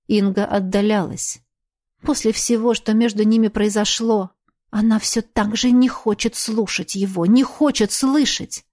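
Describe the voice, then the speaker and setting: A woman's voice: mid-range voice, steady tone, a little slow, darkish tone. A woman reading dramatic fiction as a scripted audiobook narrator.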